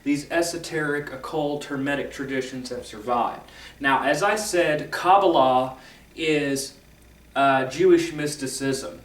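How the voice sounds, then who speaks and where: A man with a somewhat high voice gives a casual lecture on esoteric ideas. He speaks slowly, wanders off topic and corrects himself as he goes. He sits at a distance from the mic in a roomy, echoey space. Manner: rambling, self-correcting, filler-heavy. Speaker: esoteric teacher.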